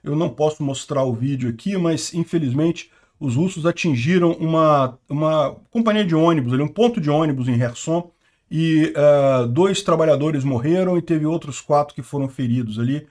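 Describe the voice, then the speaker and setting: On the high side with a darkish tone and normal speed, a man from Brazil comments on the war over a map for his war news channel. He speaks informally and with firm opinions, his sentences often ending in a tag like "né?"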